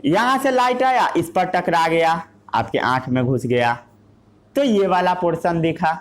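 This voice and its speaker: A male teacher gives a classroom science lesson in Hindi sprinkled with English terms, posing rhetorical questions and answering them himself. His voice is fairly high, animated and unhurried.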